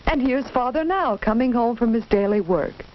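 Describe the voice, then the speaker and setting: A woman narrates a 1940s educational film as a simple children's story, speaking directly and instructively to the listener. Her voice is a little high and animated, at a normal speed. The lo-fi sound is band-limited like a 1940s film soundtrack, with background noise.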